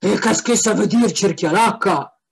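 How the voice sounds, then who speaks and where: A woman voicing a third devil who demands answers loudly. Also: mid-range voice, moderate pace, creaky, slightly rough. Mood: suspicious.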